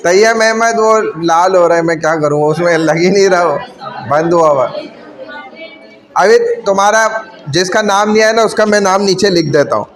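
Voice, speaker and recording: A male teacher taking attendance, reading out names one by one with brief asides to the class. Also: high voice. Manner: slow, deliberate name calling with brief asides.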